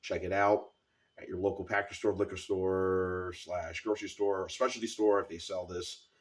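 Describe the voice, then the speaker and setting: A man's voice: low voice, flat delivery, normal speed, far from the mic. A man with a scratchy, sore-sounding throat gives a casual, informal product review as a video host, repeating words for emphasis.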